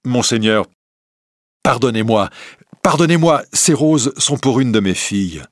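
A poor old merchant, as a male narrator voices him in a storybook, humble and anxious, a loving father pleading for mercy. The voice stays low and gravelly, close to the reader's own. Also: animated, normal speed, a bit bright, dry recording, heavily acted. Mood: pleading, sorrowful.

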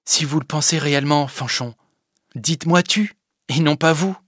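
A man reading an audiobook, voicing a sickly, clingy young village man who speaks softly and plaintively. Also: a little high, moderate pace, no echo, clean studio sound, pitched above the performer's own voice. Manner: plaintive, soft-spoken. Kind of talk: audiobook character voice.

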